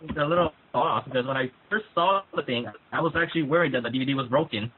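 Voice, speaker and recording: A man's voice: medium pitch, fast, narrow, tinny audio. A man chatting casually, rambling along with fillers and restarts. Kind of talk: casual chat about anime dubs.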